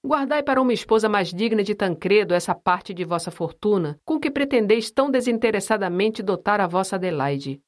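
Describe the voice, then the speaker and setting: A woman's voice: mid-range voice, expressive, a little fast, few pauses, close to an everyday voice. A woman voicing a cold, stern older nobleman father who speaks with dry sarcasm and command. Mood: scornful.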